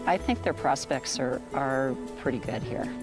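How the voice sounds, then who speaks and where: A woman's voice: extremely low pitch, expressive, normal speed, loud music behind the voice. A woman explaining her wildlife research in an unscripted documentary interview.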